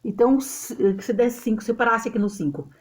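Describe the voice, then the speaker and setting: A Brazilian woman teaching a literature lesson to a camera, explaining step by step in an animated way and often checking that her students follow. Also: on the high side, brisk. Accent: Brazilian Portuguese. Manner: animated and explanatory, checks understanding with tag questions. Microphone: camera mic.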